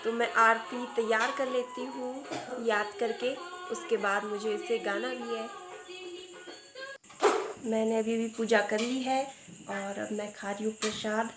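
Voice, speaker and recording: A woman vlogger with a hoarse voice chatting casually to her viewers, filming on a phone at her home at night. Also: fairly high pitch, steady tone, a little slow, music in the background. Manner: chatty, talks straight to viewers. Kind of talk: casual festival vlog narration. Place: home at night, indoors and outside. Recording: noisy with crickets behind. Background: crickets and insects chirping.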